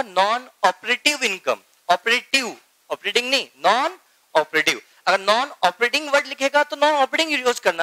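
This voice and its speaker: A male accounting teacher lecturing a class, with a high-pitched and bright, forceful voice. He drills key terms by repeating them and keeps checking that his students follow. The sound is dry and close, with no room echo. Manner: keeps asking students if they follow, calls them beta; mixes Hindi with English accounting terms.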